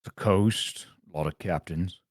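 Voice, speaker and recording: Very deep-voiced man running a tabletop game. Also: a little slow, no echo, studio quality. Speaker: game master.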